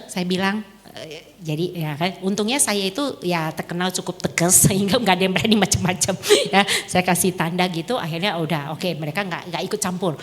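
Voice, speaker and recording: A woman giving a lively storytelling talk to an audience, laughing often and acting out the voices in her story. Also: on the low side. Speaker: dharma talk speaker. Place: temple hall. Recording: reverberant hall.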